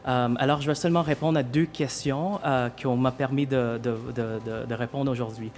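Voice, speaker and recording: A man's voice: mid-range voice, steady tone, moderate pace, a little mellow. A man from Vietnam, a pediatric hematologist and researcher, giving a prepared thank-you speech with many fillers and restarts.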